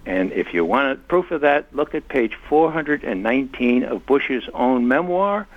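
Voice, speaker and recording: A man's voice: mid-range voice, lively intonation, measured pace, phone-quality sound. An older man, a former intelligence analyst, speaking as an interview guest in an impassioned, emphatic way. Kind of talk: conversational interview.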